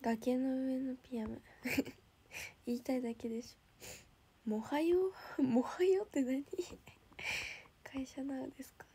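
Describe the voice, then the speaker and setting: A young woman idol on a casual livestream, chatty and bubbly, reading out viewer comments and often dropping to a soft whisper. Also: sits high, slow, long pauses, husky. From Japan. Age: young adult.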